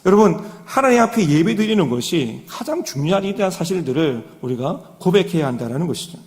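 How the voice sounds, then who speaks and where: A man's voice: fairly high pitch, sing-song, brisk, a little mellow. A middle-aged man, a pastor, preaching an earnest evening sermon in a church and speaking straight to the congregation. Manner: earnest preaching, repeated direct address to the congregation. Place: church sanctuary. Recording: long church hall reverb.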